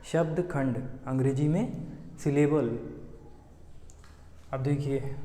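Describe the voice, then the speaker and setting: A man with a somewhat high, dark-toned voice patiently explains English grammar, asking questions and then answering them himself at a slow pace. The room is echoey with a long reverb.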